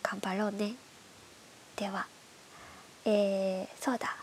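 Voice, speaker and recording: A woman with a stuffed-up, nasal voice from hay fever, hosting a bedtime radio show in soft, breathy, casual chat that often drops toward a whisper. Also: mid-range voice, flat delivery, slow pace. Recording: clearly audible background hiss.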